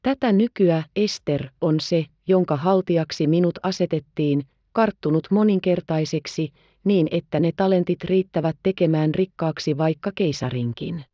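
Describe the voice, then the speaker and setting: Proud, bitter old merchant father, read by a woman, low mellow tone, dry dull audiobook sound. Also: no room sound, lightly acted. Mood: solemn.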